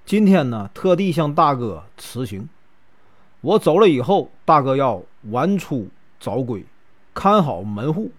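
A man's voice: mid-range voice, sing-song, unhurried. A man voicing a stern, righteous young fighter who warns and admonishes firmly. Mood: earnest. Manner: firm, admonishing.

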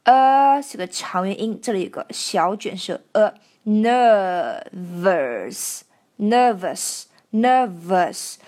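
A young woman teaching the pronunciation of a song line by line, explaining each sound and then singing short phrases slowly to show it. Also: medium pitch, a little mellow.

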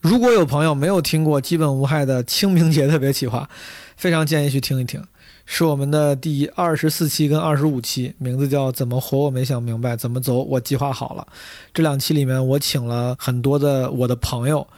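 Hoarse, gravelly-voiced male podcast host. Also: mid-range voice, steady tone, brisk, a little mellow, no echo, clean studio sound. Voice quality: gravelly, husky. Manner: chatty, addresses listeners directly. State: hoarse, tired voice from hours of talking. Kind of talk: casual podcast monologue.

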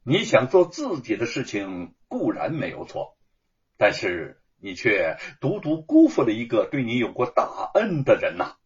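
A man voicing Li Chunfang, a frank, earnest young male scholar in a told story, speaking persuasively and a little louder than his narration. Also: mid-range voice, wildly swooping pitch, unhurried, breathy edge, dull audio, exaggerated voice.

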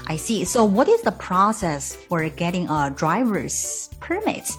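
Her voice is fairly low with big pitch swings and a slightly slow pace, and faint music plays behind it. She is a young woman from China hosting a language-learning podcast in both Chinese and English, speaking with a Chinese accent in a friendly way full of mm-hmms.

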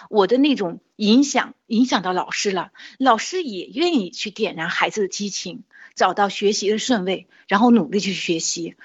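A woman in her forties tells her own story in an earnest, unscripted way, pausing and restarting as she goes. Her voice is a bit husky, and the recording sounds muffled and lo-fi. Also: mid-range voice. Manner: earnest, with frequent hesitations and restarts. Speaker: parent sharing a testimonial. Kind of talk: personal testimony, casual monologue.

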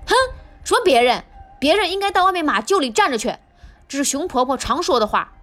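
A woman's voice: high voice, animated, brisk, a bit bright, soft background music, pitched above the performer's own voice. A woman voicing a cross, sleepy boy rabbit in a children's storybook reading, huffing and scolding. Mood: huffy. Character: boy rabbit with long ears, grumpy sleepy friend.

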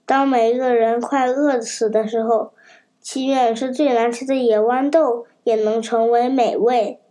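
A big, wise pigeon from a storybook gives gentle advice, as a woman reads it aloud. The tone is kindly and fairly high. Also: fairly even intonation, unhurried, close to an everyday voice.

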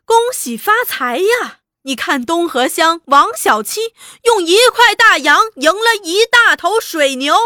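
Lady reader doing a bellowing barker guy outside a gambling den, high and piercing, hawks in a sing-song yell. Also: expressive, a little slow, hardly any pauses, dry recording, clean studio sound, full character voice. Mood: shouting. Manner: shouting, sing-song hawking. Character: loud male gambling-den barker hawking to crowds.

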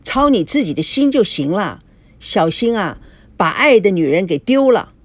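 A cocky young man who keeps needling his friend, as a woman reads him out. His lines swing lively up and down, recorded dry and close. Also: mid-range voice, normal speed, dry recording. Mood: teasing. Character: smug, teasing young man, a sly friend.

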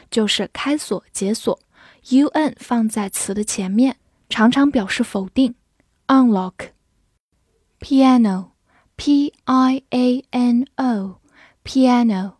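A woman teaching English vocabulary, who spells words letter by letter and reads example sentences slowly. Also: fairly high pitch, a little mellow, no room sound, clean studio sound. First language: Chinese. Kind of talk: slow, clear vocabulary lesson.

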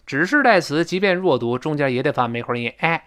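A male English teacher walks through intonation in an audio lesson, demonstrating each sound himself. His voice sits a little high and swings widely in pitch. The tone is smooth and resonant. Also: brisk. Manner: lively explanatory teacher who demonstrates the sounds he describes.

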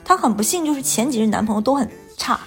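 Fast-talking frank woman co-host. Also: sits high, lively intonation, faint music behind. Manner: frank, opinionated, gives advice. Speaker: podcast co-host. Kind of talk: casual chat.

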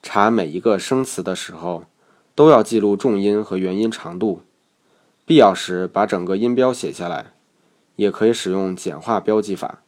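Calm man explaining study steps. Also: fairly low pitch, normal speed. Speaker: English learning instructor. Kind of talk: scripted lesson narration.

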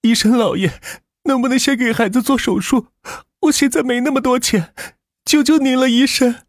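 Male narrator voicing a tearful young mother, high and pleading, dry close sound. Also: normal speed, dry recording. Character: desperate young mother begging.

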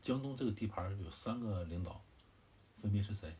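A man's voice: on the low side, lively intonation, fairly quick, warm tone, a little hiss or hum, close to an everyday voice. A man voicing an earnest adult male advisor who protests in a plain, conversational storytelling voice. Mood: protesting.

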